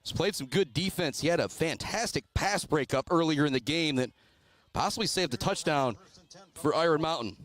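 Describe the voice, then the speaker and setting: A man from Michigan doing radio play-by-play of a high school football game, building to shouts on big plays. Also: normal speed, dry recording. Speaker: play-by-play announcer. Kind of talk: radio sports commentary.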